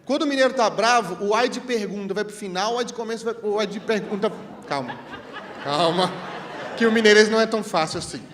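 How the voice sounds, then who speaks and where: A man's voice: high voice, fast talker, a bit bright, a faint crowd. A man explaining regional slang as a comic bit, jokey and playful, acting out the quoted lines, recorded live in a hall. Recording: live hall with audience and background noise.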